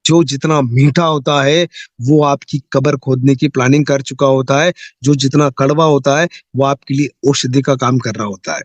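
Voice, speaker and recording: A man's voice: mid-range voice, steady tone, moderate pace, no echo, highs cut off. A man delivering a motivational speech about network marketing, firing rhetorical questions at listeners in a preachy, pleading manner.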